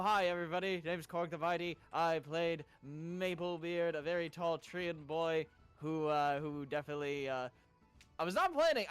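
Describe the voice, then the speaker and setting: A man's voice: on the high side, fairly bright tone, smooth. A man who played in the game, talking casually, enthusiastic and rambling. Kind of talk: casual chat after a game.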